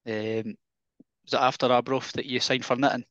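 A Scottish man hosts a casual podcast interview in a mid-pitched voice. He asks easygoing, tentative questions and backs up his guest. The recording is dry and slightly dull. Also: flat delivery, moderate pace, fairly bright tone, dry recording. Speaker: podcast host.

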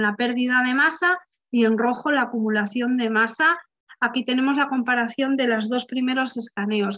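A young woman researcher gives an online conference talk over slides, halting, with many restarts and filler sounds. Her voice is fairly high-pitched with a fairly bright tone. It's a webcam video call, and the audio is slightly muffled.

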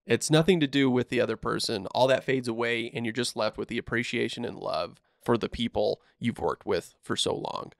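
A man's voice: mid-range voice, brisk, creaky, hardly any pauses, no echo, clean studio sound. A man hosting a casual podcast, talking loosely with fillers and trailing phrases. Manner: relaxed, trailing off, frequent fillers. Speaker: podcast host.

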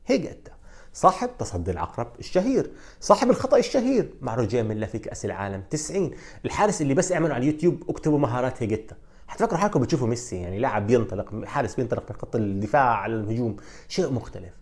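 A man with a Levantine Arabic accent hosts a football countdown, rattling off stories at a breakneck clip. His voice sits in a mellow, darker register, and he keeps an animated storytelling flow peppered with fillers. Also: mid-range voice, rapid-fire, breathy edge. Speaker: sports video host. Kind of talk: energetic football countdown commentary.

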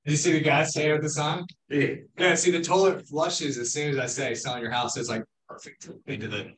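A real estate agent joking and playful on a casual group video call. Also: male voice, a little high, normal speed, a bit bright, poor audio.

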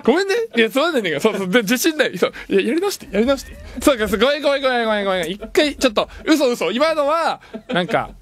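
Radio host, male, bright high voice with a big swinging range, playful grumbling, casual studio chat. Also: sing-song, very fast, few pauses. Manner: joking, laughs often, complains playfully.

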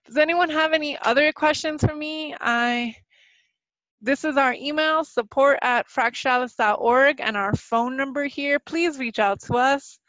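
A woman's voice: high-pitched, fairly bright tone, no echo. Nervous woman hosting a webinar. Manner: nervous, halting, many fillers and restarts. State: slightly sick voice. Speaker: webinar presenter. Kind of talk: live webinar presentation with Q&A. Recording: dull, lo-fi dry webinar audio.

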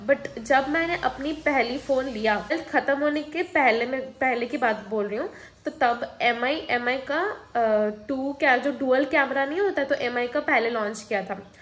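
Young woman, high voice, chatty storytelling vlog, hops from topic to topic. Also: a little slow, rough recording. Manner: chatty, mixes Hindi and English, jumps between topics. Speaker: vlogger.

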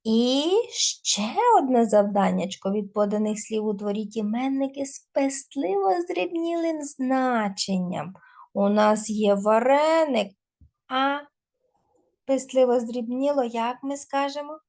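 Female teacher recording a lesson for children; unhurried, clear dictation, slightly high pitch. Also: a little mellow. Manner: slow, clear dictation of word lists.

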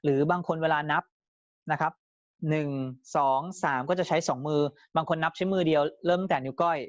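A male sales trainer giving an explanatory lesson in a polite manner, often softening his phrases, sometimes acting out customers to demonstrate. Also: fairly high pitch, steady tone, a little fast, dry recording. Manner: acts out customer lines to demonstrate. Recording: dry, slightly dull lo-fi sound.

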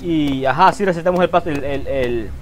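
A man giving let's play commentary on a horror game, excitable, swearing freely and talking straight to his viewers. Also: on the high side, a little fast, background noise. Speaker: gaming YouTuber.

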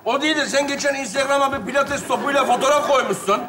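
Fast high-voiced joking sidekick man. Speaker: comedy sketch actor. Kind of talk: stage sketch comedy. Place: stage before a live audience. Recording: noisy stage with audience.

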